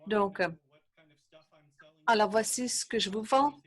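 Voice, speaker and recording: A woman's voice: mid-range voice, unhurried, breathy edge. A woman giving live interpretation of a lecture webinar, speaking steadily with hesitations and self-corrections.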